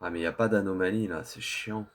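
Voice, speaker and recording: A man's voice: sits low, steady tone, fairly quick. A man giving casual gameplay commentary, thinking aloud in colloquial language as he plays. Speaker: video game streamer.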